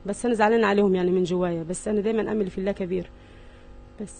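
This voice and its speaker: A woman's voice: mid-range voice, steady tone, racing, vocal fry, warm tone, a little hiss or hum. A middle-aged Egyptian woman with an Egyptian Arabic accent, speaking in an earnest, weary and pleading way in a news interview. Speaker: mother interviewed about her sick children.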